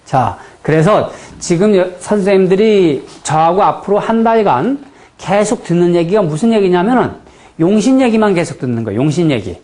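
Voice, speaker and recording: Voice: mid-range voice, expressive, moderate pace, a little mellow. A teacher from the Chungcheong region with a Chungcheong Korean accent, giving a classroom lecture on fortune-telling in a blunt, folksy way and checking in often with rhetorical questions.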